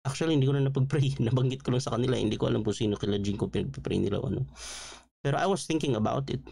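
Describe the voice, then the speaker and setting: Male pastor-host, mid-pitched, dry close sound; emotional, animated testimony, code-switches into English. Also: racing, gravelly, breathy edge, no echo. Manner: emotional, animated storytelling with many fillers; mixes Tagalog with English phrases. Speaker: pastor and online show host. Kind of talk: testimony-style preaching on a livestream.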